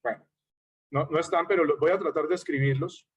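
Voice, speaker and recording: A man's voice: on the high side, a little fast, far from the mic. A man teaching a writing workshop in an online class. He explains patiently, gives spoken examples and checks in with the students.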